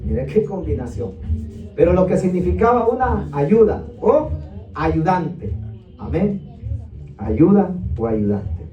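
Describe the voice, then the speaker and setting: A man's voice: fairly high pitch, big pitch swings, slow pace, mellow, dull audio, soft background music. A man teaching a Bible class as pastor, calling on listeners to repeat words and tagging lines with questions, heard from a distance in an echoey room. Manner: keeps asking listeners to repeat words after him; tags lines with rhetorical "¿verdad?" and "amén". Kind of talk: Bible teaching with call-and-response. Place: church meeting room. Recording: echoey room, voice far from the mic.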